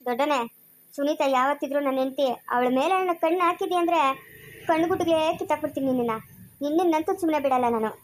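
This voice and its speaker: A woman's voice: sits high, fast talker, close to an everyday voice. A woman acting as a hot-tempered young village man in a comedy skit, scolding and threatening in rural Kannada dialect. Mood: defiant. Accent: Kannada, Chikkaballapur rural dialect. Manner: scolding, threatening, shouting orders.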